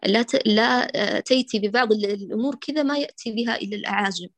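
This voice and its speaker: A woman teaching Quran recitation in an online class, correcting a student and demonstrating sounds slowly. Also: fairly high pitch, no echo.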